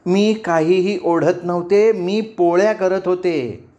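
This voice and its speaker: A man voicing a dramatic, shrieking young woman flatmate who also turns coy. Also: high voice, measured pace, pitched above the performer's own voice. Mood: panicked.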